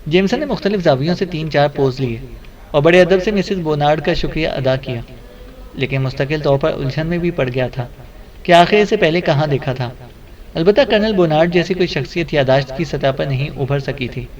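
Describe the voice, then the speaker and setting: A male narrator reading a detective novel as an audiobook, steady and even in his storytelling. His voice sits a little high for a man. The recording is dull and lo-fi. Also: distant mic. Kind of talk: scripted narration.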